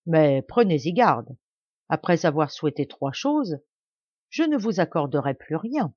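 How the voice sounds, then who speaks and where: A woman reading a fairy tale aloud, voicing a solemn female fairy who speaks slowly and in measured warnings. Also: low-pitched, sing-song, darkish tone, breathy edge, dry recording, full character voice. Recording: dry, slightly dull home recording.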